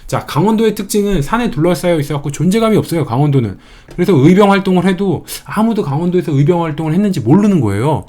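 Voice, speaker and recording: A man's voice: high voice, expressive, fast talker, darkish tone. A man giving an exam-prep history lecture, chatty and playful, building mnemonic wordplay as he teaches.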